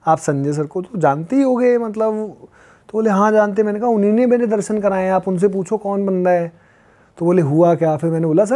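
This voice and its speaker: A man in his twenties from Uttar Pradesh, a podcast guest telling a story casually and acting out the lines people said to him. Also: a little high. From Uttar Pradesh, India. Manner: lively retelling that acts out quoted dialogue. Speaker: podcast guest, long-distance pilgrim walker.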